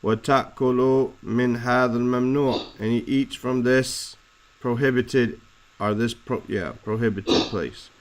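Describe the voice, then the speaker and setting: A man teaching a lesson, explaining Arabic words slowly and deliberately, spelling out letters and roots. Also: medium pitch, steady tone, poor audio. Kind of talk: classroom explanation of Arabic text.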